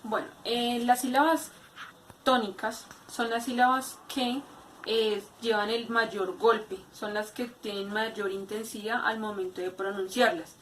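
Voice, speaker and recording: A woman's voice: a little high, flat delivery, a bit bright, slight background noise. Hesitant woman teaching a grammar lesson. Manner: explains slowly with many hesitations and repeats. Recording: echoey room, far from mic.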